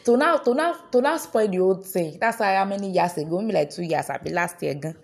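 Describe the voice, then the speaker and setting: A woman's voice: on the low side, fast talker, vocal fry, darkish tone, slightly rough. A young woman with a Nigerian accent, telling a personal story to her viewers in a chatty, giggly way with local slang. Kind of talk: casual storytelling vlog.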